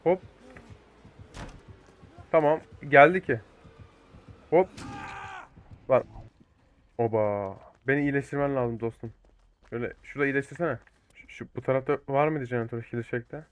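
A young man giving excitable live commentary over a multiplayer game, swearing and talking to teammates and viewers. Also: medium pitch, normal speed, long pauses, smooth, phone-quality sound. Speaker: gaming YouTuber.

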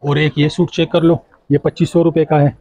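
A man, a shopkeeper showing clothes and briskly repeating prices on a lapel mic in a crowded market shop. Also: on the high side, little pitch movement, mellow, highs cut off. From Pakistan. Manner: brisk, repetitive price listing. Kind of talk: showing goods and quoting prices.

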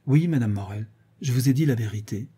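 A man's voice: medium pitch, brisk, dark tone, breathy edge. A man reading an audiobook, voicing a frightened servant woman who gives her account in a plain, hesitant way. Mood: uneasy.

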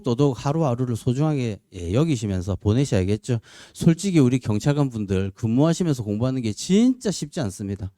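Male instructor, 40s, chatty pep-talk lecture, lively pitch, mellow tone, dry close sound. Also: dry recording. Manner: chatty and animated, acts out students' and family's lines. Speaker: police promotion exam instructor. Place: lecture room.

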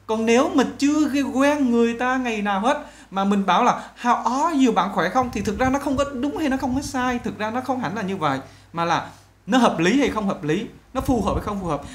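A woman with a mid-range voice teaches an online English lesson, explaining in Vietnamese. She addresses viewers directly and often, saying English phrases slowly so learners can repeat them.

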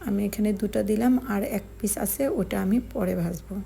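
Woman cooking-channel host, dark mellow voice, patient step-by-step delivery. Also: medium pitch, steady tone, vocal fry, a little hiss or hum. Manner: slow, step-by-step explaining with fillers. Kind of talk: home cooking tutorial narration.

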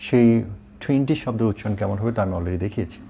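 A middle-aged English teacher with a low, mellow voice talks at a brisk clip as he works through a pronunciation lesson. He spells words out carefully and drops English phrases into his explanations. Faint noise sits behind him. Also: vocal fry.

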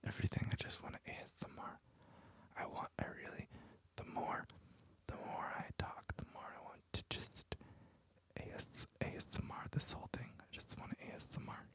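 A man's voice: moderate pace, fairly bright tone, close to an everyday voice. A man putting on a whispered role-play, a mock ASMR voice. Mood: playful.

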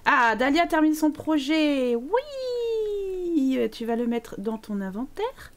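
Chatty high-voiced woman streamer. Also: very animated, takes it slowly. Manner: chatty, playful, talks to her game characters and thanks viewers. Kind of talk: live gameplay commentary.

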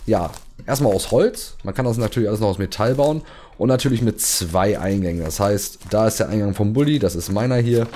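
A man's voice: on the low side, warm tone, a little hiss or hum. A man giving casual gameplay commentary, chatty and explaining step by step as he shows off a build. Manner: chatty, many fillers and restarts, explains step by step. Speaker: gamer showing a game build.

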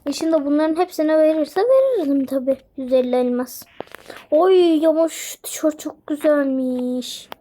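A young woman casually commenting on a mobile game as she plays, excitable and often crying out in delight. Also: high-pitched, measured pace, a little hiss or hum. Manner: excitable, squeals and cries out in delight. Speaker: gaming channel host.

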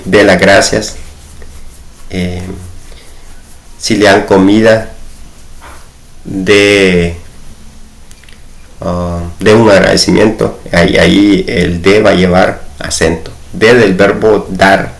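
A man explains grammar in a patient, steady way and slows down to repeat his examples. His voice is very low and gravelly. The room around him sounds echoey. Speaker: teacher. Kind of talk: spoken grammar lesson.

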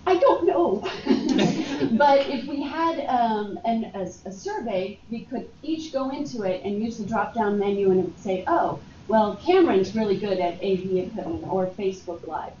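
Chatty and upbeat, a workshop host leads a session on workplace communication in a mellow, medium-pitched voice. The lo-fi recording, made from across the meeting room, sounds distant and roomy with slight background noise.

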